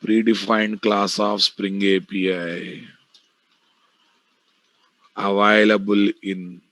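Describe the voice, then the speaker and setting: A man's voice: on the low side, a bit bright, dry recording, poor audio. A man with an Indian Telugu accent teaching a live online programming class, bluntly addressing students and repeating key phrases. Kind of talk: live online technical lecture.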